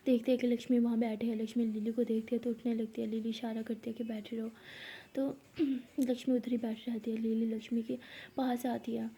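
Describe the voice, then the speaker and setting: Woman storyteller, husky, dark tone, flat melody, storybook narration. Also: on the high side, fairly quick.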